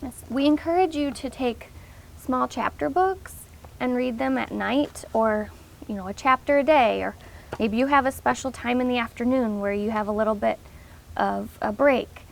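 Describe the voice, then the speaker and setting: A woman's voice: a little high, normal speed, creaky. A woman giving an informal, instructional talk to parents, explaining things in an encouraging way.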